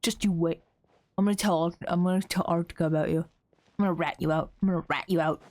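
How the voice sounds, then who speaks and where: A woman's voice: lowish voice, fairly even intonation, fast talker, a little mellow, dry recording. A young woman streaming a game, talking in a playfully dramatic way and making mock threats at her chat. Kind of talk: gaming livestream commentary.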